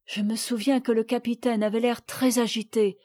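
A woman reading the part of a little girl who sadly recounts a shipwreck, in a gentle, measured voice. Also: a little high, flat delivery, natural voice. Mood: sad, earnest. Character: little girl recalling a shipwreck, sad and earnest. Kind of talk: audiobook reading.

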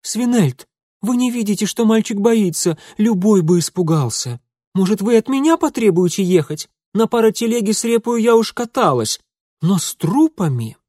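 A man voicing a theatrical, indignant highborn young woman in an audiobook. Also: measured pace, few pauses, mellow, no echo, clean studio sound, close to an everyday voice. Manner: exclaiming, dramatic.

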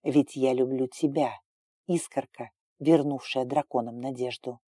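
A woman voicing a gentle, remorseful male dragon lord who speaks softly and low. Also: fairly even intonation, unhurried, slightly rough, no room sound, clean studio sound, exaggerated voice. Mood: tender. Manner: soft, low, sighing.

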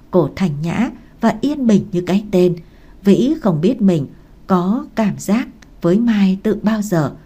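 A woman reads a romance novel aloud in an even, measured way. Her voice sits low and has a mellow tone. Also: breathy edge. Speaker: narrator. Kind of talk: audiobook narration of a romance novel.

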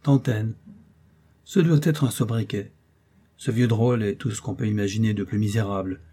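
Male reader voicing a glib, scheming doctor with feigned candor, low dark husky tone. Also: fairly even intonation, normal speed, natural voice. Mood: falsely earnest. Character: scheming smooth-talking older male doctor. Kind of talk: audiobook character voice.

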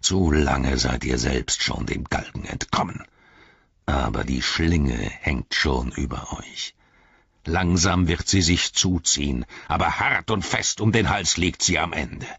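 A man's voice: extremely low pitch, takes it slowly, gravelly, a bit bright, slightly rough, no echo, lo-fi sound, exaggerated voice. A man doing a scheming old wizard, silky and scornful. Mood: venomous. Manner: honeyed, then sneering and venomous.

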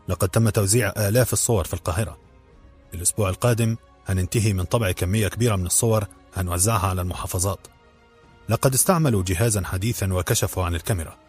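A man voicing a calm, courteous male leader of a secret group in an audiobook, husky and low, over faint music. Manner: measured, courteous, gently commanding.

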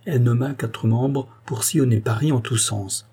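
A male audiobook narrator reading a classic novel in a measured, solemn way. His voice is mellow and soft-edged, with a husky grain, at an ordinary pitch. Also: steady tone.

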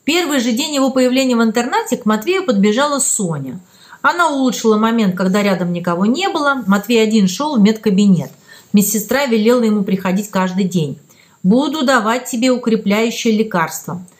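A woman narrating a children's story as an audiobook, reading in an expressive storytelling way. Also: a little high, a little fast.

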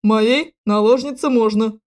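A woman voicing an arrogant young male prince who speaks loudly and mockingly in an audiobook. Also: fairly high pitch, normal speed, natural voice. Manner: loud, sneering, clipped commands.

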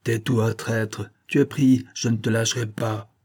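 A man's voice: on the low side, flat delivery, unhurried, darkish tone, breathy edge. A man voicing a cunning male fox who threatens his captive in harsh, scornful tones, in a storybook reading. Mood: menacing, scornful.

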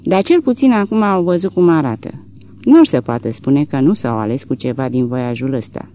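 A man reading the lines of a gruff, laconic Texan horse trader in an audiobook, with a dry, unhurried delivery. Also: medium pitch, lively intonation, warm tone, lightly acted.

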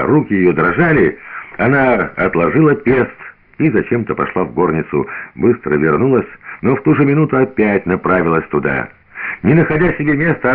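A man reading a novel aloud with expressive, theatrical narration, on a tinny old radio recording. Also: low voice. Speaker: reader.

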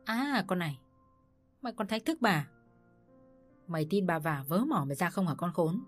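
A woman's voice: fairly low pitch, very animated, moderate pace, soft background music. A woman voicing an abusive older mother-in-law who screams insults, in a storybook reading. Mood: furious.

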